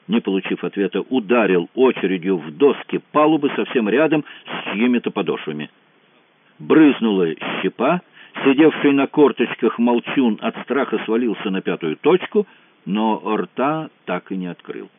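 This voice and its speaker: A man narrating an action novel with a fairly low voice that moves up and down a lot as he tells the story. His delivery is measured and expressive. The sound is dry, narrow and phone-like. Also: dry recording. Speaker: audiobook narrator.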